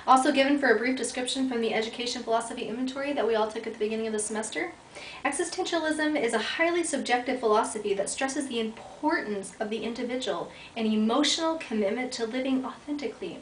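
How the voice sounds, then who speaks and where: A woman's voice: a little high, fast talker. A young American woman giving an oral class presentation as a student, reading from notes with frequent ums and restarts. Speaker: education student. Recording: echoey room, voice from far off, faint background noise.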